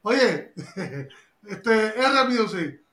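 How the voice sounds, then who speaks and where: A brash man hosts a casual podcast, joking around in heavy slang. His voice sits high and bright. The room around him is echoey. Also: very animated, very slow. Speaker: podcast host.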